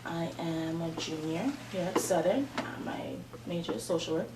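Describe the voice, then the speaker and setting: At a moderate pace and with a low voice, a woman in her twenties facilitates a student group meeting, earnest and prayerful and peppered with fillers. Echo, a distant mic and background noise mark the recording.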